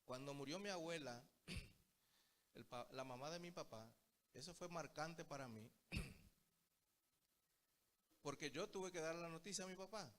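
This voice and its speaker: Slow and pausing often, this Paraguayan preacher speaks in a fairly high, fairly bright voice. His Bible study sermon is built on storytelling, and he repeatedly addresses his audience as brothers.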